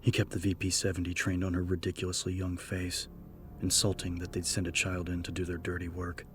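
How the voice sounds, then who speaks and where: With game-style music in the background, a man delivers a dramatic scripted audiobook reading of a horror story. His deep voice stays monotone, and his pace is brisk.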